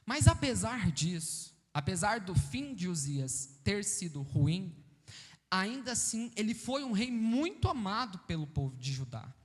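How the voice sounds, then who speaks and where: A man's voice: high-pitched, big pitch swings, measured pace, breathy edge. A man with a Brazilian accent preaching a sermon, explaining a passage and asking the congregation questions. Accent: Brazilian Portuguese. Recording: reverberant church hall.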